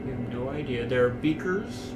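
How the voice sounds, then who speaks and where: A man as dungeon master, describing scenes in an unhurried, hesitant way with many pauses and fillers. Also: medium pitch, animated, background noise. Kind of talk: narrating a tabletop game. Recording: roomy mic with background music.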